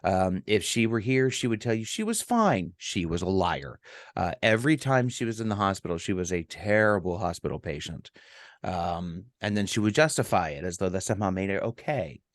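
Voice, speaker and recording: A middle-aged man, a podcast co-host, telling a personal story in a halting way with many ums and restarts. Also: sits low, expressive, no echo.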